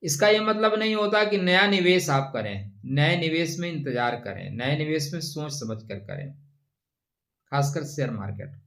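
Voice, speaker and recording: A man giving an astrology forecast, advising listeners in a measured way and calling them friend. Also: on the high side, expressive, a bit bright. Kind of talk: horoscope talk to camera.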